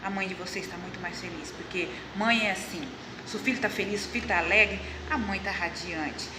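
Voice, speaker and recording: Against a noisy background, a middle-aged woman with a Brazilian Portuguese accent speaks fairly quickly at a medium pitch while teaching children. She cheers them on and answers the very questions she asks them.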